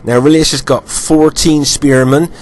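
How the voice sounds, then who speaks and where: A croaky-voiced man, recovering from an illness, provides game commentary over footage. His pitch is fairly high, his intonation fairly even, and his tone somewhat dark. He talks unhurriedly, with frequent ums and uhs, and keeps repeating points.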